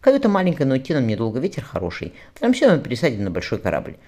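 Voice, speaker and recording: A priest in his thirties, soft-spoken on the surface and calculating underneath, as a man voices him in a storybook reading. The lines come quickly, with a lively rise and fall. He never drops the caring mask. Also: medium pitch. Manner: outwardly gentle, secretly contemptuous. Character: scheming cold-hearted priest in his thirties.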